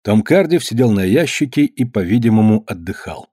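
A man narrating a children's story in an expressive storytelling manner. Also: fairly low pitch, fairly quick, breathy edge, no room sound, studio quality. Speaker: audiobook narrator. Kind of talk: scripted narration.

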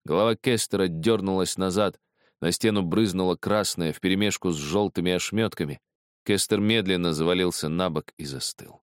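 A man narrating an audiobook in a measured, grave manner. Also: sits low, smooth, dry recording, clean studio sound.

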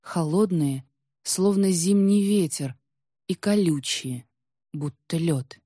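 A woman giving a measured, dramatic storybook narration. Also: on the low side, warm tone, breathy edge, no echo, clean studio sound. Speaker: audiobook narrator.

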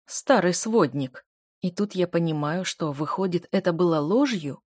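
Woman narrating a novel, emotive first-person reading, lowish voice. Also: moderate pace, darkish tone, dry recording, studio quality. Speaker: audiobook narrator.

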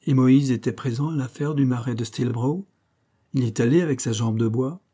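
Casting : vieux recteur nasillard, bourru et alerte, joué par un homme. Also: male voice, medium pitch, moderate pace, dark tone, lightly acted. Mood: brusque. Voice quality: nasal. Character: older male rector, brisk and gruff.

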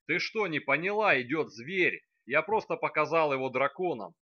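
A man's voice: fairly high pitch, expressive, normal speed, pushed and bright, highs cut off. A man reading aloud voicing an angry, blunt young male necromancer who speaks curtly and insistently. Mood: stern. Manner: curt, insistent.

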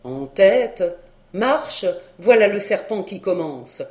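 A woman's voice: mid-range voice, very animated, slow pace, a little mellow. A woman voicing a mischievous young male prankster in a storybook reading, with a sly, teasing manner.

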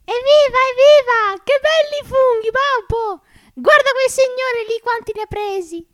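Super high squeaky kids, all excited, dry close sound. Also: measured pace, no room sound. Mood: delighted. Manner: squealing, eager.

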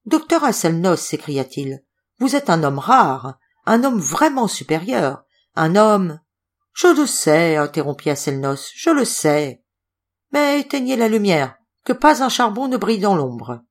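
A woman narrating an audiobook in an expressive storytelling manner. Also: on the low side. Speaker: volunteer audiobook reader.

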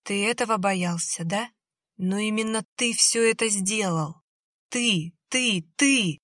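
Woman putting on a dying young woman, weak half whisper, accusing, husky, dry sound. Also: medium pitch, slow, a bit bright, no room sound.

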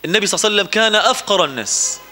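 A man's voice: high voice, animated, racing, sharp tone, faint music behind. A man preaching a sermon in a mosque with an Egyptian accent, mixing quoted scripture with colloquial asides and questions to his listeners.

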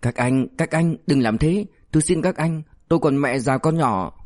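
A man's voice: fairly high pitch, moderate pace, darkish tone, no room sound, clean studio sound, close to an everyday voice. A man voicing a frightened male drug dealer who pleads and stammers for mercy. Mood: begging. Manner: whiny, begging, stammering.

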